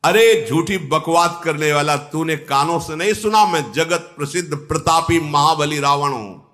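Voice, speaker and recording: A man's voice: on the high side, measured pace, a bit bright, pitched above the performer's own voice. A male preacher voicing an arrogant, boastful demon king with scornful retelling.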